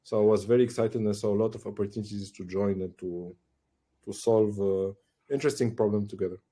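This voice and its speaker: A man's voice: lowish voice, steady tone, quick pace, dark tone. A man in his forties from Tunisia, a podcast guest talking thoughtfully with many fillers and restarts. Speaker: guest, AI director. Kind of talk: casual podcast interview.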